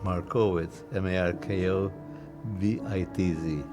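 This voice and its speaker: An older man from Czechoslovakia giving recorded testimony as a Holocaust survivor, speaking slowly and haltingly with pauses. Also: deep voice, fairly even intonation, over music. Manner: slow, halting, with pauses and fillers. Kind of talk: archival testimony interview.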